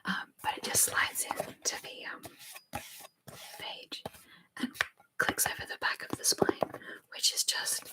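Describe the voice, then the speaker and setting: A woman hosting a casual ASMR live chat in a breathy, mostly unvoiced whisper, softly repeating words and short phrases. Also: takes it slowly, long pauses. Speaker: ASMR live stream host.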